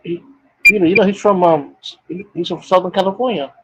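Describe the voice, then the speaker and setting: A man chatting casually in a halting way, repeating himself as he goes. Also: high voice, noisy background. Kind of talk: casual group chat.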